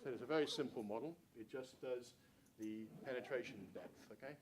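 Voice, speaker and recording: A middle-aged man who is a university researcher, giving a conference presentation in an informal, hesitant, halting way. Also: medium pitch. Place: lecture room with seated audience.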